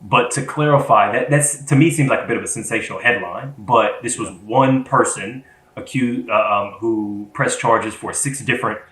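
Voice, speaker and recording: A man's voice: fairly low pitch, moderate pace, fairly bright tone, echoey room, poor audio. A man co-hosting a podcast in casual chat, rambling and hesitant with many restarts. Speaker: podcast co-host.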